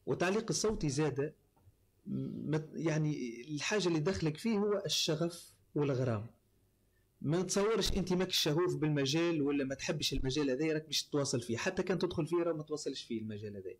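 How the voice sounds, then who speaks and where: A man's voice: on the high side, animated, quick pace, slightly rough. A man with a Tunisian accent, a voice-over artist speaking as an interview guest, explaining his craft point by point with many fillers. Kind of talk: casual interview talk.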